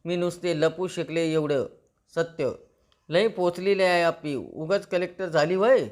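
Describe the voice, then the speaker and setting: A man's voice: a little high, a little slow, natural voice. A man voicing a sarcastic young man who mocks his relatives. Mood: mocking.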